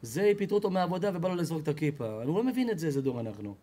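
Man, rabbi's sermon, high voice, lively storytelling, acts out quoted voices. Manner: expressive storyteller, acts out quoted people with loud high shouts. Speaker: rabbi giving a Torah class. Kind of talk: animated sermon.

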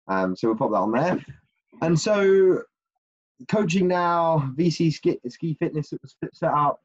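Hesitant British man interviewing over a video call. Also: lowish voice. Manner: friendly, hesitant, many "uh" and restarts. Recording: dull lo-fi video call audio.

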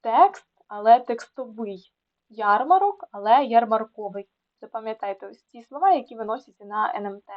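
A woman tutor explaining a lesson to students, repeating words slowly to contrast where the stress falls, with small fillers between them. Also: a little high, animated. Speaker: Ukrainian language tutor. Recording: dull lo-fi sound.

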